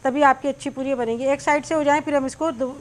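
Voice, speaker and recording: A woman's voice: high-pitched, steady tone, fast talker. A middle-aged woman, host of a cooking channel, chattily telling a long personal story while she cooks, with many small fillers.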